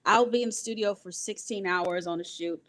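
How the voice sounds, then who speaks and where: A woman's voice: medium pitch, normal speed. Passionate woman guest on a podcast. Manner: passionate, expressive. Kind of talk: casual interview. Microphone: video call.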